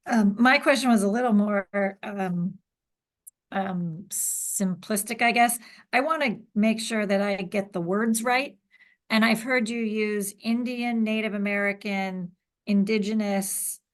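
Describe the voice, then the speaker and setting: A woman's voice: medium pitch, unhurried. A woman interviewing a guest, asking polite, careful questions with hesitant fillers. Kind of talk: conversational interview.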